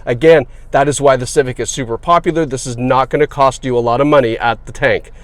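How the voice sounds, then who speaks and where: A man's voice: medium pitch, fairly even intonation, quick pace, dry recording. A man giving a casual, upbeat walkaround of a car for sale, chatty and full of fillers. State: has the hiccups. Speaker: car salesperson. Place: inside a car.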